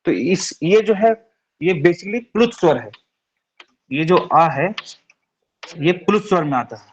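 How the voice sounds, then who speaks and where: A man's voice: high-pitched, expressive, slow pace, dull audio, a little hiss or hum. A man teaching a Sanskrit grammar class online, explaining patiently step by step and checking in with his students.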